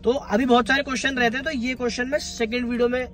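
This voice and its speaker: A young man with a high voice chats like a vlogger recounting boyhood pranks, animated and quick to laugh. He keeps turning to his listeners as brothers. A soft bed of music plays behind him. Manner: lively, chatty, often laughing, calls listeners "bhai". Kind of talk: casual storytelling to viewers.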